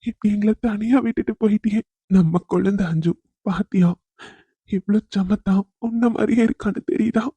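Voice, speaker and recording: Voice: medium pitch, fairly even intonation, normal speed, warm tone, breathy edge, no room sound. Voicing a grieving young police husband. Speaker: widowed father. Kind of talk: cartoon voice acting.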